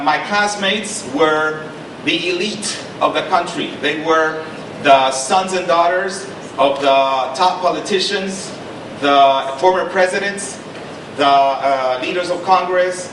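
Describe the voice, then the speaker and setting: Picked up from afar in a large, echoing lecture hall, a middle-aged man from Honduras gives an earnest panel talk with a personal story in a slightly higher voice. He repeats and restarts, checking that listeners follow with an emphatic "okay?", while steady noise and a low rumble hum underneath.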